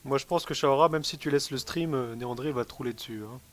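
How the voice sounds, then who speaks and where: A man's voice: mid-range voice, quick pace. A man chatting casually as he co-hosts a live game stream.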